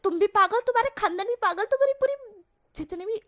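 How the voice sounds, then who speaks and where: A woman's voice: very high-pitched, lively intonation, fairly quick, a bit bright, pitched above the performer's own voice. A woman voicing a sassy, dramatic young man who scolds and complains in exaggerated bursts. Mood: mocking. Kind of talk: storybook voice acting.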